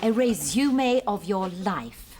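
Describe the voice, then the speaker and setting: A woman's voice: medium pitch, lively intonation, slow pace, very noisy. An actress playing a prim, pretentious woman writer in a sitcom, speaking in a fussy, genteel way. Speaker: sitcom character. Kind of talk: studio sitcom acting.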